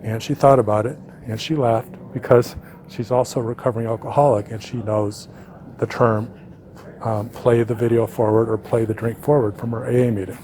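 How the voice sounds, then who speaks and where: A therapist telling a client story and a fable in a conversational, animated way. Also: male voice, mid-range voice, moderate pace, a little hiss or hum. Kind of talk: storytelling to an audience.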